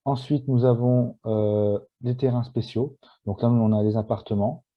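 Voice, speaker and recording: A man's voice: medium pitch, steady tone, a little slow. A shy, nervous man talking through a video game on screen, with many fillers and restarts. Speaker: gameplay video maker. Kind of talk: casual game walkthrough. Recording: dull lo-fi sound.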